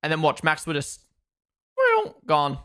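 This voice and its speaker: A man's voice: a little high, completely flat delivery, measured pace, bright, forceful tone, clear, resonant tone. A young man from Australia and New Zealand hosting a live race watchalong, giving chatty, opinionated commentary and talking to his chat.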